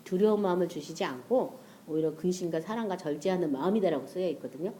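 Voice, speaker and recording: A woman's voice: lowish voice, fast, mellow, a little hiss or hum. A woman preacher giving a casual, conversational sermon and acting out prayers and inner voices.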